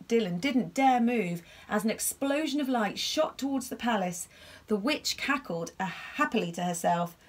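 A woman reading a bedtime story aloud to children, gasping and pausing to ask them about the pictures. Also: mid-range voice, slight background noise. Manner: expressive, gasping, asks the listener questions about the pictures.

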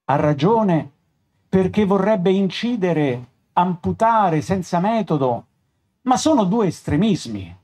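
A gentle old sage, as voiced by a man reading aloud, speaks in an unhurried, fatherly way. His words come soft and measured, like a patient preacher counseling someone in a fairy tale. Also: sits high, big pitch swings, full character voice. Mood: calm admonishing.

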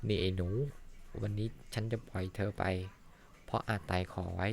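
A man's voice: low voice, fairly even intonation, moderate pace, gravelly. A man voicing a harsh middle-aged male boss in a fan-dubbed cartoon, talking in a scornful, insulting way. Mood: scolding. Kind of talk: Thai fan dub of an animated series.

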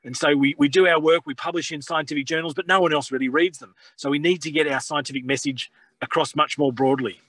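A man's voice: a little high, steady tone, fairly bright tone, no echo. A man talking in a webinar from a remote outdoor field site, his video call audio choppy and breaking up. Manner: halting, apologetic, restarts through dropouts. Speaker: conservation researcher. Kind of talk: webinar talk.

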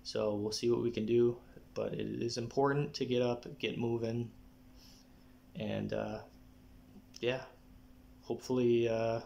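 A man's voice: medium pitch, little pitch movement, a little slow, long pauses, dark tone, highs cut off. Young man, casual, faint background noise. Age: young adult. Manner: frequent throat clearing. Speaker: vlogger giving a personal health update. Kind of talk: casual talk to camera. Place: small living room, indoors. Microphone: phone or camera at arm's length.

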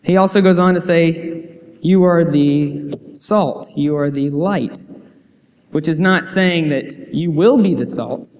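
In an echoing church sanctuary, a young man serving as youth preacher delivers a sermon with scripture reading, taking it slowly. His pitch is fairly high and his tone darkish; earnest throughout, he reads quotes aloud and keeps restarting, all under church hall reverb.

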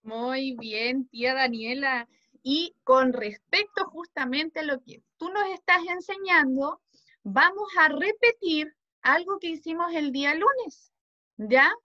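A woman's voice: sits high, slow, bright, forceful tone, no echo, lo-fi sound. A woman with a Chilean Spanish accent teaching preschoolers, coaxing them with questions. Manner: coaxing, asks the children questions. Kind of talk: class for small children.

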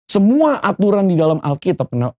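A man's voice: sits high, big pitch swings, fairly quick, dark tone. A pastor, explaining his beliefs earnestly in a casual podcast discussion.

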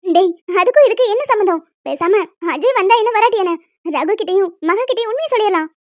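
A woman voicing a very high-pitched young wife. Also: lively intonation, fast, no echo. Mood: insistent. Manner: emotional, pleading. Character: young wife, emotional and pleading. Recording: dull lo-fi dry sound.

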